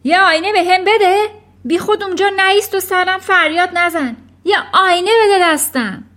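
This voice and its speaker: A woman doing a panicked shouting father. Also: very high-pitched, pitched above the performer's own voice. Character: blustering middle-aged father, vain and hot-tempered.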